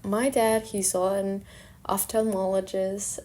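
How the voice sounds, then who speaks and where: There's a little hiss or hum behind this slow, flat, dark-toned voice at medium pitch. It belongs to a young woman, a native Spanish speaker with a Colombian accent, who is an artist and fine arts student talking reflectively about herself in a casual monologue.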